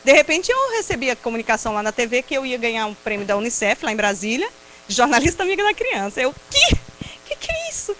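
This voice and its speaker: Brazilian woman, Brazilian Portuguese accent, fairly high voice with a swooping, expressive pitch, testimony speaker who laughs easily and acts out the quotes. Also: fast, slight background noise, poor audio. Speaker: invited speaker at a prayer group. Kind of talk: personal testimony talk.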